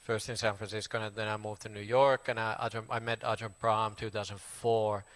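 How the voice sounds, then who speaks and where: A man in his forties from Finland with a Finnish accent, a Buddhist monk casually introducing himself in halting English full of fillers and restarts. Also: lowish voice, flat delivery, a bit bright. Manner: halting, many fillers and restarts, plain friendly telling. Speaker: Buddhist monk giving a talk. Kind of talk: casual spoken self-introduction.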